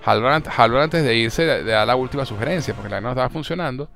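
A young man with a Venezuelan Spanish accent, chatting casually as a podcast host and recapping a series in an animated way. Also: mid-range voice, quick pace, creaky, faint music behind. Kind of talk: casual chat.

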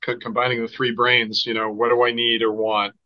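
A man's voice: medium pitch, little pitch movement, a little fast, dull audio. A man from Boston with a Boston accent, a Reiki healer talking casually and enthusiastically as a podcast guest. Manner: enthusiastic, chatty, restarts often. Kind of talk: casual conversation.

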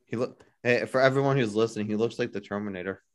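A podcast co-host chats casually in a fairly low voice, talking fast. He rambles, fills his speech with fillers and restarts, and repeats himself.

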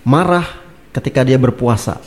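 Male preacher, casual religious chat, lively, jokey asides. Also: medium pitch, normal speed. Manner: lively, laughing, acts out angry speakers. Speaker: Islamic preacher.

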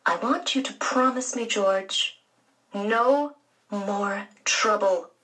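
A woman voicing a stern but loving aunt in a children's storybook reading, speaking low and serious. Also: expressive, normal speed, fairly bright tone, far from the mic, lightly acted, low-quality recording.

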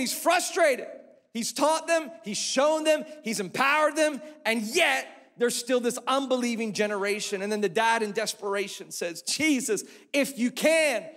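A man's voice: high voice, fairly bright tone. A man preaching a sermon as a pastor, with emphatic repetition and rising intensity. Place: church sanctuary. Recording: reverberant church hall.

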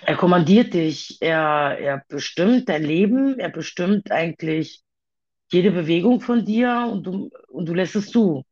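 Woman, husky gravelly voice, halting speech full of pauses, dull lo-fi recording. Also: on the low side, lively intonation, darkish tone. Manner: halting, many pauses and fillers. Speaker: storyteller of own past. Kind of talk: personal conversation.

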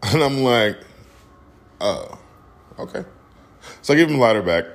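A man's voice: medium pitch, very animated, unhurried, creaky. A man hosting a podcast, casually telling a story in a laid-back way and laughing as he goes. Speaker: podcast host.

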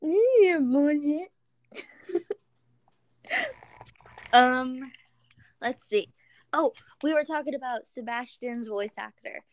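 Brief: young woman, light higher voice, slow unhurried delivery, giggly, dry close sound. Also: dry recording. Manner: giggly, gushing, trails off with "like". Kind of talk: casual chat.

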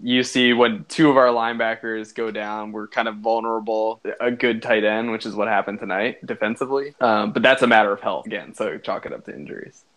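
A man's voice: fairly low pitch, fairly quick, hardly any pauses, a bit bright. A man co-hosting a casual football podcast, wry and blunt in his takes. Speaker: podcast co-host. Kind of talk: casual sports chat.

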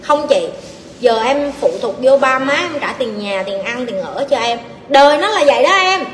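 A woman with a Southern Vietnamese accent answering audience questions in a live Q&A, blunt, forceful and scolding. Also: high voice, slight background noise. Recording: echoey hall, faint ambience.

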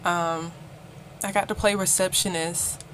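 A young woman with a lowish voice talks in a relaxed, hesitant way, filling pauses with ums, as a podcast co-host. A faint hiss of noise sits under her voice. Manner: laid-back, hesitant with frequent ums. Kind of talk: casual chat.

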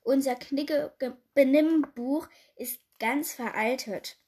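A woman's voice: high voice, slow, darkish tone. A woman voicing a muddled, cheerful host king who stumbles over his words. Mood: delighted.

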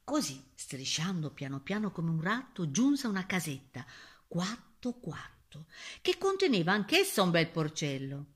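A woman's voice: on the low side, sing-song, normal speed, hardly any pauses, husky. A woman reading a rhyming fairy tale aloud, playful and theatrical. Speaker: storyteller.

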